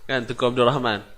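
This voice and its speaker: A man's voice: medium pitch, a bit bright. A man with a Malaysian Malay accent teaching tajwid, breaking words into syllables and chanting verses, asking his listeners questions as he goes. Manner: patient, repeats syllables, asks the class questions. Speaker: Quran recitation teacher. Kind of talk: tajwid lesson with chanted recitation.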